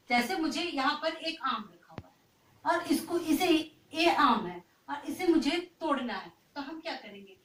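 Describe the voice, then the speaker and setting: A woman teaches young children, spelling out letters in a slow, sing-song way. Her voice is high and lively, and she keeps asking patient questions. She sounds distant from the mic in a roomy, echoing space. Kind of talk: children's language lesson. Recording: echoey room, mic at a distance.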